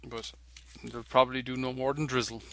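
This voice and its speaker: Male video maker, casual rambling chat, bright and forceful delivery. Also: mid-range voice, little pitch movement, a little fast, a little hiss or hum. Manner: rambling, full of "you know" and "like".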